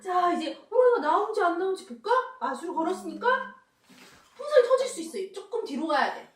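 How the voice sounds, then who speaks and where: A woman's voice: extremely high pitch, very animated, fast. A woman performing like a kids party magician, coaxing a young child along with playful questions. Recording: echoey room, distant mic, some noise.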